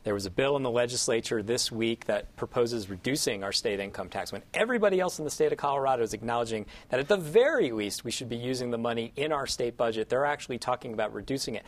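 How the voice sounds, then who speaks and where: A man speaking as a guest panelist on a political roundtable, quick and earnest. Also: mid-range voice, animated.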